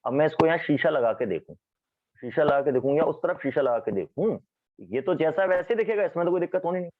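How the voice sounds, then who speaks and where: A man teaching chemistry in a classroom lecture, lively, often asking students questions. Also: fairly high pitch, quick pace, narrow, tinny audio.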